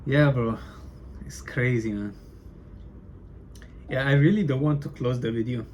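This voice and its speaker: A man's voice: mid-range voice, unhurried, darkish tone, lo-fi sound, a little hiss or hum. A young man talking casually to his camera in a vlog, loose and rambling, often saying like and bro, with some stuttering. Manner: loose and chatty, says bro and like a lot, stutters. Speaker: vlogger documenting his business.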